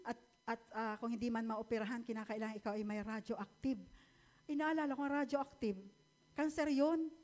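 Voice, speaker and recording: A woman's voice: a little high, steady tone, normal speed, darkish tone. A middle-aged woman telling her personal faith testimony to a church, in a polite, heartfelt storytelling way. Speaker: church member giving testimony.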